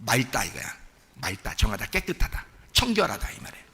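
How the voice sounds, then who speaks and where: A pastor preaching a sermon, lively and questioning, often asking the congregation for answers and moving between casual and polite speech. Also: male voice, on the low side, brisk, gravelly. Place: church sanctuary. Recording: echoey hall reverb.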